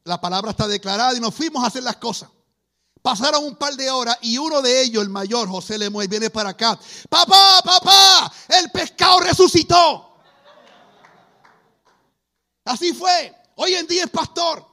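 A middle-aged man preaching, telling testimonies as a lively storyteller who acts out the voices he quotes. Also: very high voice, brisk. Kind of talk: testimony sermon.

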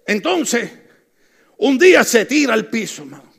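A man's voice: very high voice, big pitch swings, unhurried, vocal fry, slightly rough. A middle-aged man preaching a sermon, telling funny stories and calling out to the congregation. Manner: humorous storytelling, calls out to the congregation. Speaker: pastor.

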